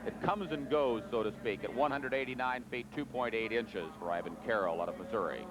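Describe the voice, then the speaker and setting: A man calling a tractor pull as live play-by-play, in an excitable, folksy way. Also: medium pitch, a little fast. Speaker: tractor pull announcer and commentator. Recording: noisy outdoor track, engines behind. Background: outdoor ambience and vehicle noise.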